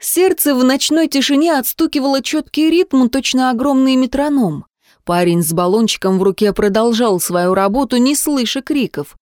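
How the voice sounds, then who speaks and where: A woman reading a story aloud as an audiobook narrator, in a tense, measured manner. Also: mid-range voice, darkish tone, no echo, studio quality. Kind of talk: scripted narration.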